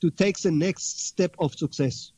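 A man's voice: high-pitched, unhurried, warm tone, husky, dry recording. A man speaking as a guest in an interview conversation, earnest and repeating words for emphasis.

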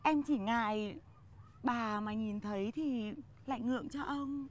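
A woman's voice: on the high side, measured pace, a little hiss or hum, lightly acted. An actress playing a coy, wheedling young woman who claims to feel dizzy, in a comedy film. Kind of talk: comic film acting.

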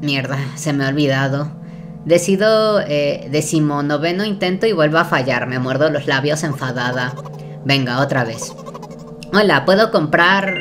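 A woman plays through a text game, her voice sitting low. She reads the lines in a nervous, self-mocking way, tripping over words and giggling. Game music plays clearly behind her. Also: normal speed. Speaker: gameplay streamer reading a text game aloud. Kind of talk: casual let's-play narration and reading.

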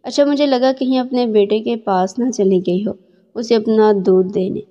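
A gruff, accusing middle-aged husband, stern and suspicious, as a woman narrator puts him on. The voice sits fairly high and soft-toned, and the muffled lo-fi recording carries a long reverb tail. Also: steady tone, lightly acted.

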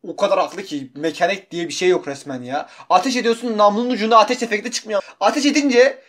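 Fast, high-voiced ranting gamer man. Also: a bit bright. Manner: profane, ranting and sarcastic; talks to viewers as "beyler". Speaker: gaming video creator. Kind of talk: live gameplay commentary.

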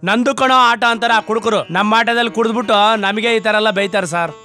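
An actor playing a kind, talkative auto-rickshaw driver in a film who scolds drunks and preaches kindness. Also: male voice, high voice, fairly even intonation, brisk, sharp tone, soft background music. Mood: rueful. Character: kind-hearted auto driver man, chatty.

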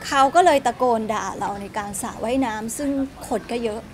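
A woman in her thirties speaks with a high, earnest voice. She explains her side at length in an interview. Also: brisk. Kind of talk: emotional interview.

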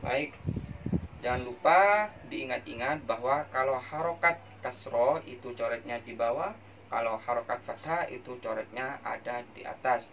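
A man's voice: medium pitch, measured pace, a bit bright, dull audio. A male primary school teacher, patiently drilling syllables in a children's reading lesson. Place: classroom at a whiteboard. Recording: distant mic with clear background noise.

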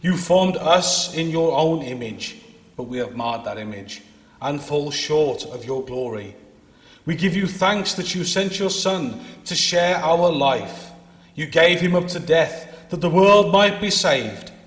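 A man leading Mass, intoning the prayers in a measured, solemn way, with a cathedral echo around him. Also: a little high, animated, a bit bright. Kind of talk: liturgical prayer, partly sung. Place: large church. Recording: long echo of a large church.

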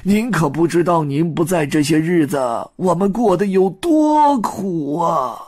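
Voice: mid-range voice, lively intonation, unhurried, a little mellow, husky, voice pushed up. A storyteller voicing a fawning old male monkey chancellor who wails and pleads. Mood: lamenting. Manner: wailing, pleading.

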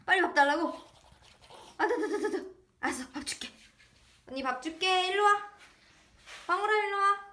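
A woman's voice: extremely high pitch, lively intonation, a little fast, pauses often, pushed and bright. A young woman in her twenties vlogging in casual chat, playful and sing-song as she coos at her dog. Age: 20s.

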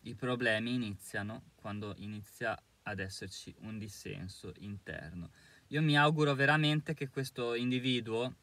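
A man's voice: mid-range voice, moderate pace, a bit bright, no echo. A man giving an indignant, emphatic monologue to camera as a commentator, with hesitant fillers between his points. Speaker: YouTube commentator.

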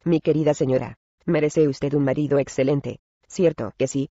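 A man reading the part of a sly, smooth-talking male traveller who coaxes a widow, in a storybook reading. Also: fairly high pitch, steady tone, normal speed, mellow, dry recording, muffled recording, lightly acted. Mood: flattering. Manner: coaxing and mysterious.

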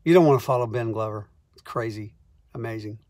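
A man who is a songwriter, telling comic stories in a wry, animated way and acting out the scenes. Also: on the low side, brisk, no room sound. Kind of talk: comic storytelling monologue.

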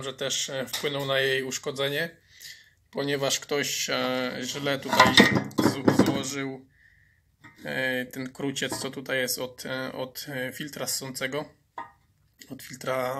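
In workshop repair commentary with background noise, a medium-pitched man works on restoring an old chainsaw at his bench. He talks through every fault he finds, using many fillers and repeating words.

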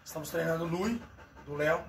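High-voiced dog trainer, echoey and distant. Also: male voice, fast, background noise. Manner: informal, talks straight to the viewers. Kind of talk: explaining to camera, then coaching.

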